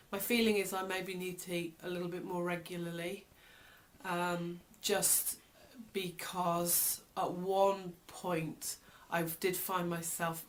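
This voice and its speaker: A woman's voice: lowish voice, a little hiss or hum. A British woman talking casually in a personal video diary, reflective and hesitant, often trailing off mid-thought. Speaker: vlogger.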